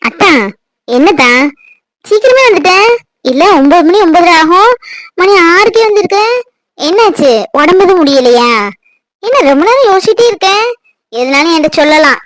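A woman's voice: very high-pitched, animated, moderate pace, long pauses. A woman acting a wife in a family drama, talking at length in an earnest, reassuring way.

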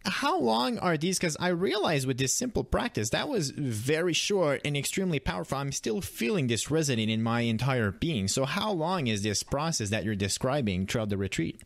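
A man's voice: a little high, big pitch swings, normal speed, creaky, few pauses, no room sound. A man hosting a conversational interview, reflecting and asking questions of his guest. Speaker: interviewer, host.

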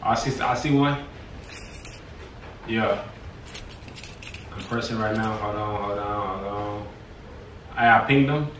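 A young man chatting casually while playing a game, talking low and laid-back. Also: takes it slowly, pauses often, fairly bright tone, recorded from a distance. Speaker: prank target boyfriend. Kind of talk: casual conversation. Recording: roomy, off-mic, faint noise.

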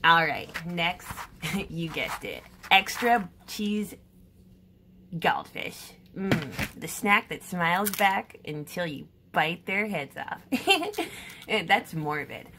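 Slow-talking playful woman vlogger. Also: lowish voice, sing-song, background noise. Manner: playful, jokey, talks straight to viewers. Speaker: art vlogger. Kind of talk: comedic art vlog chat.

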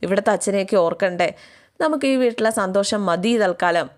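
A woman's voice: mid-range voice, brisk. A woman casually retelling a TV serial's plot, chatty and acting out the characters' lines herself. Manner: chatty, with tags like "you know" and playful voices for the characters.

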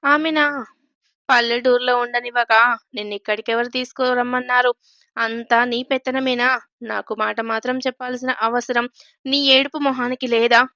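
A man's voice: very high voice, fairly even intonation, moderate pace, no room sound, highs cut off. Woman voicing a drunk, bullying rich husband. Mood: angry, mocking. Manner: shouting, sneering, bullying. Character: drunk, cruel, spoiled rich young husband.

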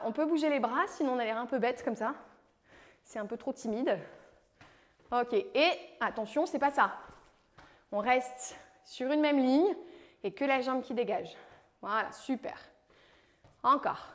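A French woman works as a fitness coach, guiding a home leg workout. Her high, animated voice is unhurried, with long pauses, as she calls out moves and counts reps with playful encouragement.

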